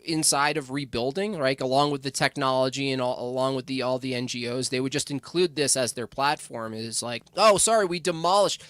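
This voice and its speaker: A man chatting as a podcast guest, rambling and halting, now and then quoting others in a mocking voice. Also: medium pitch, fairly even intonation, fairly bright tone, dry recording. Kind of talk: casual podcast discussion.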